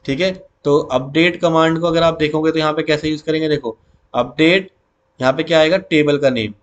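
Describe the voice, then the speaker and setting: A teacher with a slightly high voice runs an exam revision lesson and keeps calling his students "beta." He throws key words back to the class as questions. When he reads the commands out, he goes slowly, word by word. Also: fairly even intonation.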